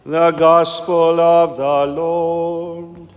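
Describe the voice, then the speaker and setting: Slow-chanting man in a cathedral echo. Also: on the high side, level tone. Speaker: priest at Mass. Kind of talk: chanted liturgical greeting. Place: large church. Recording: roomy church with long reverb and faint organ.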